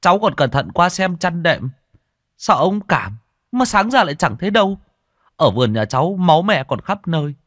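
A man's voice: a little high, big pitch swings, normal speed, fairly bright tone, no echo, studio quality, voice pushed up. A man voicing a breathless frightened young villager. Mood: anxious. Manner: breathless, urgent.

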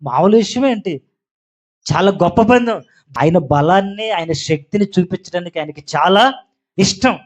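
A man preaching a sermon, telling a story in a lively, playful way and acting out the quotes. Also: high voice, moderate pace.

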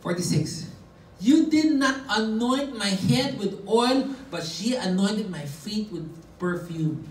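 A man's voice: high voice, animated, takes it slowly, a little hiss or hum. A man preaching a sermon, reading scripture verses aloud and explaining them between readings, coaxing his listeners along. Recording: roomy echo, heard from a distance.

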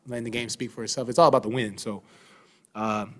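A young man, a basketball player, answering reporters at a postgame press conference. He speaks into a desk microphone in a press room, relaxed and thoughtful, with plenty of "um"s and "you know"s. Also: mid-range voice, quick pace. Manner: relaxed, thoughtful, many fillers.

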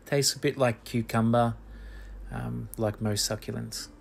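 A man, a cafe chef chatting casually outdoors about foraging, relaxed and full of ums. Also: medium pitch, unhurried, creaky. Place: outdoors on the coast and in pine woods.

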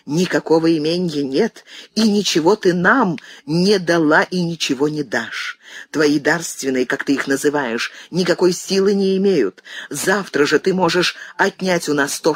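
A woman's voice: sits low, animated, moderate pace, husky, dry recording, clean studio sound. A woman reading an audiobook voices an anguished grown son, weary and pleading, who turns bitter with his mother. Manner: pleading, restrained, then bitter.

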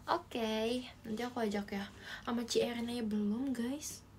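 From a small indoor bedroom, a young adult woman hosts a casual idol livestream on her phone, held close in selfie framing. She reads viewers' comments, chats and giggles a lot in a higher, darkish voice at normal speed, and a slight hiss or hum can be heard.

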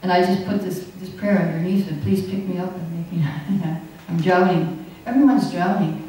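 With a fairly low, warm voice at normal speed, an older woman teaches an anecdotal, talkative scripture class and laughs frequently. The distant recording from an echoey indoor hall, made through a podium mic on a stand, has a little hiss or hum.

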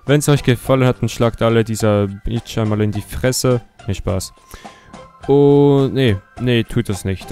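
A young man hosting a comedy video, mocking and sarcastic as he comments, often laughing. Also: mid-range voice. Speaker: YouTuber host.

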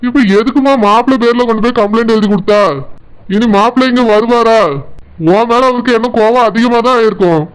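A man's voice: very high voice, fairly even intonation, fairly quick, slight background noise, rough recording. A man voicing a worried, lecturing older brother from a village in a cartoon, with a Tirunelveli Tamil accent. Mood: reproachful. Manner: reproachful, lecturing.

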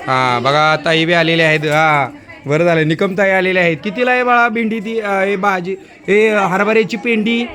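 A male school teacher touring an outdoor school market, briskly coaxing children with quick prompts. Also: high-pitched, fairly even intonation, bright, forceful tone. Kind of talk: walking tour of a school market stall by stall. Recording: noisy crowd of children outdoors.

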